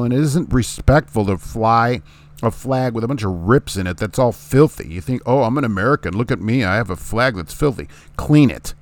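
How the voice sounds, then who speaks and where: Indignant man ranting about trucks. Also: fairly low pitch. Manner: rambling, indignant, talks to his dog. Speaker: trucking channel host. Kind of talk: opinionated solo talk.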